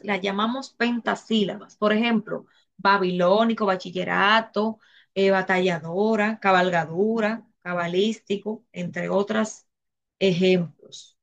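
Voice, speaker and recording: A woman with a Dominican accent teaches grammar to a classroom. She talks slowly and patiently, goes back over her points, and keeps putting questions to the students. Her voice sits at a middle pitch. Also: vocal fry, lo-fi sound. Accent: Dominican Spanish. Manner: slow, repeats herself, asks the class questions.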